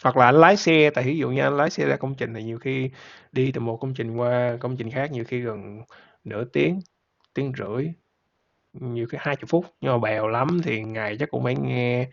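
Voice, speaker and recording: A laid-back man, chatting casually on a podcast in a gravelly voice with a bit of vocal fry. He rambles easily and laughs often. The recording sounds somewhat dull and lo-fi. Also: mid-range voice, fairly quick. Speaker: podcast host. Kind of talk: casual chat.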